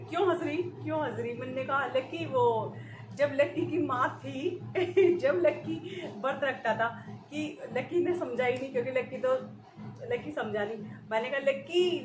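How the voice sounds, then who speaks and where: Giggly chatty woman in an echoey room. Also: high voice. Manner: chatty, giggly, rambling storytelling. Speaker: vlogger. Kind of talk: casual chat to viewers. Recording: echoey room with faint ambient noise.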